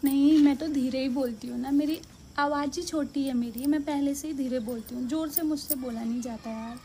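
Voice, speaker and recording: Soft-spoken woman in a comedy skit. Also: high-pitched, fairly even intonation, fairly quick, slight background noise. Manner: soft-spoken, gentle, mock-innocent.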